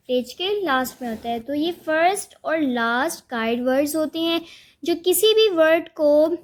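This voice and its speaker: High-voiced woman teaching vocabulary. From South Asia. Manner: patient, step-by-step explaining with hesitations. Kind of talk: explaining a school vocabulary lesson.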